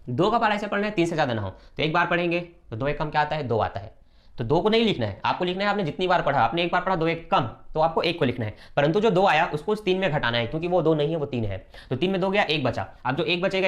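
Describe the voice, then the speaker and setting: A man teaching a math lesson step by step, brisk and repetitive, often checking that students follow. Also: on the high side.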